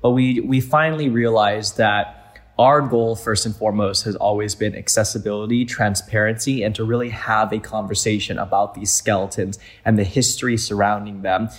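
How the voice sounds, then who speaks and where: A man's voice: fairly low pitch, fairly even intonation, normal speed. A young man from Thailand, a museum founder, answering interview questions earnestly with frequent fillers.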